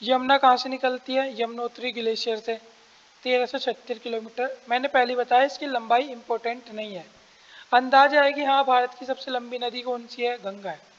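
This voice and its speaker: A man teaching an exam-prep lesson, explaining step by step, asking and answering his own questions and clearing his throat often. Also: very high-pitched, fairly even intonation, normal speed, fairly bright tone, big-room sound, muffled recording.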